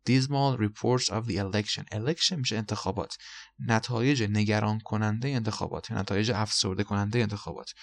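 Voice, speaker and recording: A man's voice: mid-range voice, no room sound. A man with a Persian accent teaching English vocabulary, explaining each word, spelling words out letter by letter and repeating the pronunciations. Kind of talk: recorded vocabulary lesson.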